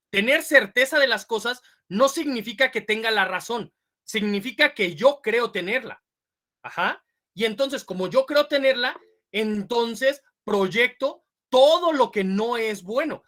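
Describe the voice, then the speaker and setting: Bright-voiced woman lecturing parents. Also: fairly high pitch. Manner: explanatory, checks in with "ok?" and "vale?"; acts out quoted voices. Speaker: speaker giving a parenting talk.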